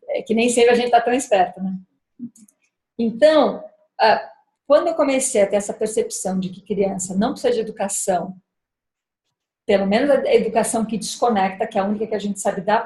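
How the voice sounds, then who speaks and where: A middle-aged woman speaking thoughtfully about raising children, often pausing and restarting as she searches for words. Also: mid-range voice, dark tone, roomy sound. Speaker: speaker at a parenting gathering. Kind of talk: reflective talk with personal story.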